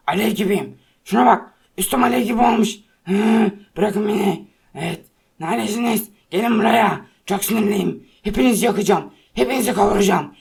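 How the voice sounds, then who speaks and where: A gravelly, husky male fire monster, put on by a woman rages and threatens in a homemade toy play-acting video. The voice is rough with heavy fry and a breathy edge, sitting at a middling pitch. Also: darkish tone, full character voice. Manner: pleading, then raging threats. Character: hero turned into an angry male fire monster.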